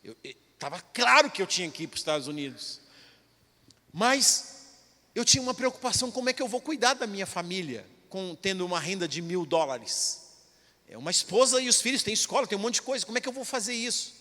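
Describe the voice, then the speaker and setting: A male pastor tells a personal story from the pulpit, animated and emotional, acting out every exchange. His voice sits very high and sounds bright and sharp. A long church-hall reverb trails behind his words. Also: brisk. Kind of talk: sermon testimony storytelling.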